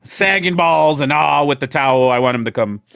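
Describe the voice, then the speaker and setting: A man's voice: fairly high pitch, normal speed, vocal fry, fairly bright tone, smooth, no echo, studio quality. A man hosting a podcast in casual chat, rambling and joking with friends. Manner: rambling, laughing, lots of fillers and jokes. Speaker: podcast host.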